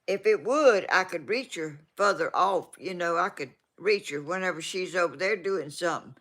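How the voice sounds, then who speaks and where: A woman in her 80s, speaking with a Georgia Southern accent, chats loosely with her viewers while reading their comments, trailing off and restarting. Her lowish, fairly bright voice moves at a normal speed.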